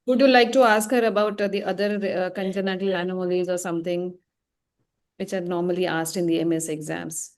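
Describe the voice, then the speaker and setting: Female moderator, polite, lowish clear voice. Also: fairly even intonation, brisk. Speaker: webinar moderator.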